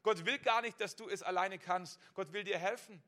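A man's voice: high-pitched, normal speed, bright, forceful tone. A man preaching a sermon, speaking straight to the listener and piling up rhetorical "what if" questions, often repeating a word as he starts a phrase. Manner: direct address to the listener.

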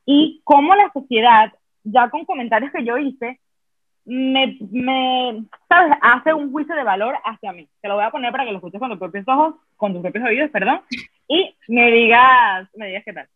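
A woman's voice: on the high side, expressive, normal speed, dry recording. A woman hosting a casual podcast, speaking frankly and rambling with lots of fillers. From Venezuela. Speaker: podcast host. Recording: dry, phone-like sound.

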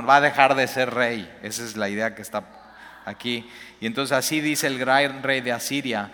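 A man's voice: medium pitch, sharp tone. A man teaching a Bible passage, reading verses aloud and explaining them in a conversational way. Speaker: preacher. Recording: long hall reverb.

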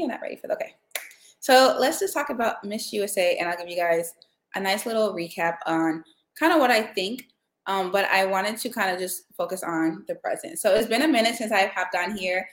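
A woman's voice: mid-range voice, echoey room. A woman hosting a casual podcast, chatting in a rambling way with lots of fillers. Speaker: podcast host. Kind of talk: casual chat.

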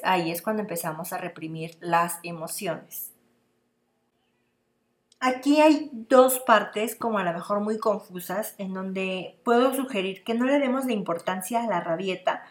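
A woman podcast host with a medium-pitched voice speaks a little slowly, giving parenting advice. She addresses the listener directly and earnestly, repeating phrases for emphasis in a casual monologue.

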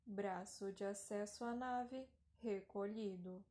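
Woman doing a half-robotic computer voice for a kids' story: low, slow, flat, measured countdown. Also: echoey room, close to an everyday voice. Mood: mechanical. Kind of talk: children's story reading.

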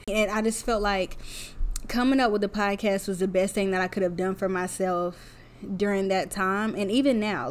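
A woman in her thirties talks alone into her podcast mic in an open, heartfelt way. Her voice sits at an ordinary middle pitch for a woman. She speaks to her listeners as y'all, like she is chatting with friends. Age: 30s. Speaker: podcast host. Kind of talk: solo podcast monologue.

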